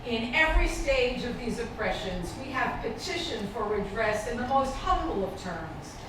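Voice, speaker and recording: A woman formally reciting a historical declaration in public, with stately and measured oratory. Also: fairly high pitch, sing-song. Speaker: public reader at a commemorative event. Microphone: distant microphone. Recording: distant, very echoey, noisy background.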